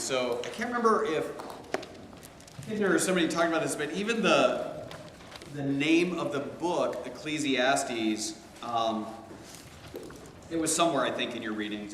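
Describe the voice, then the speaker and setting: A man teaches a theology class in a relaxed, conversational way, drifting into animated side stories. His voice sits at an ordinary middle pitch. The sound bounces around a very reverberant room with a long tail and a faint hum underneath. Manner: chatty, digressive, animated storytelling. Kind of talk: casual classroom lecture.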